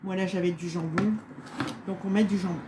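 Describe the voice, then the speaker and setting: A woman's voice: on the low side, fairly even intonation, fairly quick, noisy background. A woman presenting a recipe in a casual live cooking chat, rambling with many fillers, tired and on edge after a bad night. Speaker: home cook presenting a recipe.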